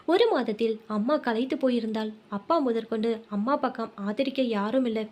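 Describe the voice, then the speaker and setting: A woman with a somewhat high voice reads a family short story aloud. She narrates and speaks each character's lines with little change in her own voice. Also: normal speed, darkish tone. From Tamil Nadu, India.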